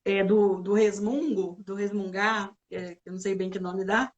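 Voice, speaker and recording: A woman psychologist talking through emotional health in a relaxed church conversation, explaining step by step with frequent tag questions. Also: mid-range voice, measured pace, highs cut off. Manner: explanatory, many filler "né"s, acts out complaints.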